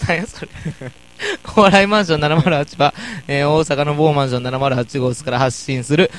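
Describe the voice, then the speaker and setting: A man's voice: on the high side, moderate pace, fairly bright tone, rough recording. A man with an Osaka accent hosting a casual comedy radio chat, laughing often and teasing his co-hosts. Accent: Osaka Kansai. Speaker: host.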